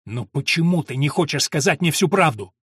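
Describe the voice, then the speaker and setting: A man's voice: medium pitch, normal speed, a bit bright, slightly rough, no echo, studio quality. A man voicing a hot-tempered young male stonemason apprentice who lashes out in bursts. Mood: bitter. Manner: bursting, accusing outbursts.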